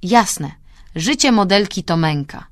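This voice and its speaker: A woman's voice: mid-range voice, lively intonation, moderate pace, dry recording, clean studio sound, lightly acted. A woman voicing a sarcastic, pushy teenage girl with an ironic, mocking delivery in an audiobook. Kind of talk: audiobook character voice.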